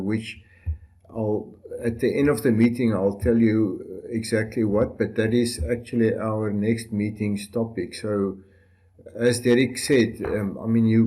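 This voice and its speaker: A man's voice: on the low side, dark tone. A man hosting an online meeting, speaking informally as he moderates and introduces speakers. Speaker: meeting host. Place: video call.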